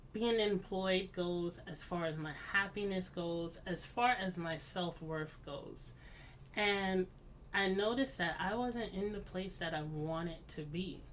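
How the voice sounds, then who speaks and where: A vlogger telling a personal story in a reflective, confessional way, with deliberate, halting phrasing and emphatic repetition. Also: mid-range voice, slight background noise.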